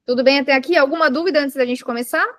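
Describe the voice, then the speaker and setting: A woman's voice: high voice, very fast, a bit bright, dry recording. Woman leading a mindfulness class. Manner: patient, explains step by step with examples; asks the group questions. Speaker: mindfulness instructor. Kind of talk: teaching a live beginners' class. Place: indoor room with a live group.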